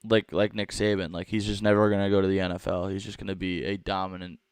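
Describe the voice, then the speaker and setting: A man's voice: sits low, flat delivery, quick pace, crowd noise. A young man co-hosting a casual sports chat, laid-back and jokey with slangy asides. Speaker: co-host.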